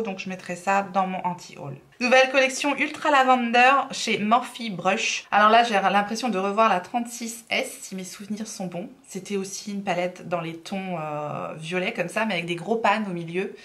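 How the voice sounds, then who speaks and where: A woman's voice: mid-range voice, fairly bright tone. A woman chatting casually as a beauty vlogger, with frequent fillers and reflective asides. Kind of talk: casual product review chat.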